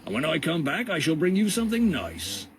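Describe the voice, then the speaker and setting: A man's voice: fairly high pitch, wildly swooping pitch, slight background noise, pitched above the performer's own voice. Male reader doing a pompous, patronizing jailer, drawn out and cold. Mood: lecturing. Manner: slow, sneering, lecturing.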